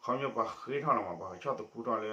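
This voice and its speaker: A man delivers a news report in a bright, forceful voice with a steady pace. The sound is muffled and lo-fi, and it carries a noticeable room echo. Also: medium pitch, rapid-fire. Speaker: news presenter. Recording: echoey dull lo-fi recording.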